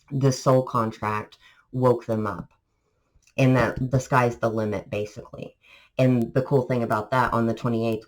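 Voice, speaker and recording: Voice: medium pitch, rough recording. Congested, chatty tarot reader. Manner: chatty, rambling, many fillers. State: congested from allergies. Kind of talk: casual tarot reading for viewers.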